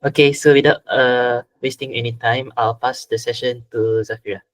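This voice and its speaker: Malaysian man moderating, mid-pitched voice. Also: fairly even intonation, normal speed. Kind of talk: informal event moderating.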